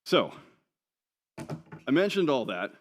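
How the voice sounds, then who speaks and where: Slowly but with a very animated mid-range voice, a man presents slides in a conference hall, with slight background noise. He has a New Zealand accent and a casual, chatty style marked by wry asides, offhand jokes, and many ums.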